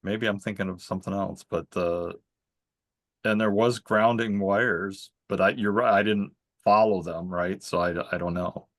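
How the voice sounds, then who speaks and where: Hesitant low-voiced man in a meeting. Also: fairly even intonation, a little slow, dry recording, studio quality. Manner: hesitant, repeats and restarts words, asks questions. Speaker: committee member. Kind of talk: committee meeting discussion. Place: town committee meeting room.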